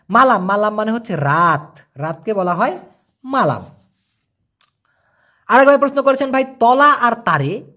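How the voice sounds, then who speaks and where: A man's voice: sits high, a bit bright. A man teaching as a language teacher, answering viewer questions and explaining step by step, often checking that listeners follow.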